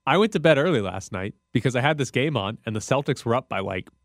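A male sports radio host talks casually and gives his opinions. His voice is mid-pitched, with a close, dry studio sound. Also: animated, fast, dry recording.

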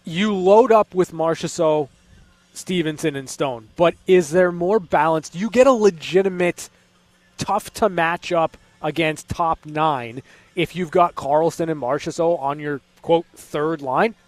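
Higher-voiced male sports co-host, dry studio sound. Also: dry recording. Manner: halting, repeats words as he thinks aloud. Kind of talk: casual sports talk, hockey analysis.

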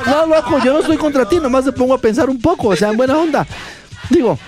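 Teasing high-voiced Mexican radio host. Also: male voice, fast, a little mellow, faint music behind. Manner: teasing, mocking, theatrical readings. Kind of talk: joking sports radio talk.

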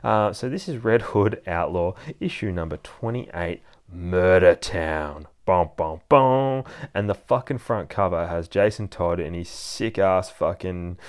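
An Australian man with a low voice hosts a podcast in an informal review style. He is excitable and swears freely as he chats from a bedroom. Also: measured pace, few pauses. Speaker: podcast host. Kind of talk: casual comic book review. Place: bedroom used as a studio.

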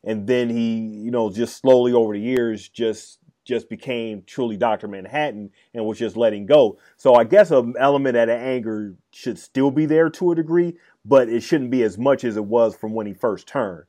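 A man's voice: mid-range voice, normal speed, few pauses, warm tone. A man in casual chat, talking in a rambling, hesitant way with many fillers and restarts. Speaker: podcast co-host discussing a film and comic.

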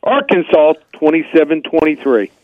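A man's voice: fairly high pitch, expressive, moderate pace. A man giving sports betting analysis as a guest on a radio show. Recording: slightly dull, dry radio link.

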